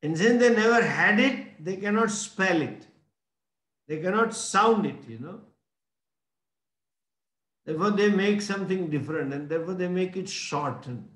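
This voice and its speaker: A man with an Indian English accent teaching a scripture class, explaining slowly and often chuckling. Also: sits high, animated, fairly bright tone, echoey room. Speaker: spiritual teacher.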